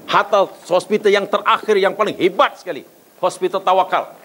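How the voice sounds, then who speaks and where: Lively preaching Malaysian man. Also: sits high, a little fast, background noise. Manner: lively preaching with rhetorical questions and acted prayers. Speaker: religious lecturer. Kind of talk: religious lecture.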